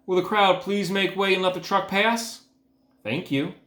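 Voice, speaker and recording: A man voicing a pompous fairground loudspeaker announcer from a storybook, grand and ceremonial in delivery. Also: sits high, a little slow, voice pushed up. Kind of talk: storybook character voice in a read-aloud. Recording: echoey room.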